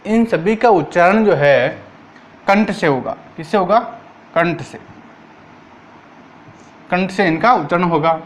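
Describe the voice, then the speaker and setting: High-voiced man teaching Hindi grammar. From Rajasthan, India. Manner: repeats each point as a question and answers it himself; drawn-out syllables while reciting sounds. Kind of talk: exam-prep Hindi grammar lesson.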